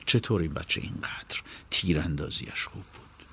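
A man narrating a story in a calm, measured audiobook reading. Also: deep voice, slight background noise. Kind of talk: scripted narration.

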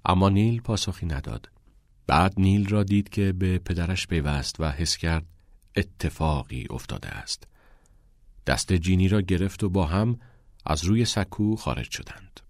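A man narrating a story in a measured, even storytelling manner. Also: sits low, no room sound, clean studio sound.

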